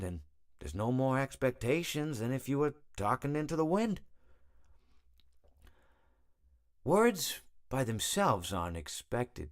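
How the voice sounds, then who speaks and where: A man voicing a genial, darkly blasé animatronic hippo in a video game, telling stories in a rambling, hesitant, self-correcting way. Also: on the low side. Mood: musing, rambling. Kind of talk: storytelling monologue, video game voice acting.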